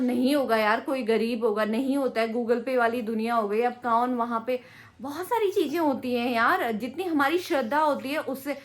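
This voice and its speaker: A woman vlogger with a slightly high voice, telling a story to her viewers in a chatty, indignant way. Her Hindi carries a hill-village Garhwali touch, and her talk is full of fillers and restarts. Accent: Hindi with Garhwali hill-village roots. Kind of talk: casual vlog storytelling.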